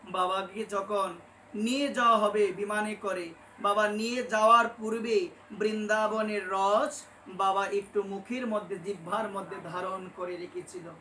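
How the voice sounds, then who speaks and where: Impassioned high-voiced preacher man. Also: steady tone, unhurried, bright, forceful tone, a little hiss or hum. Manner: impassioned, rising to emphatic peaks, addresses listeners as mother. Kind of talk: devotional sermon with storytelling. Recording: echoey room with faint ambience.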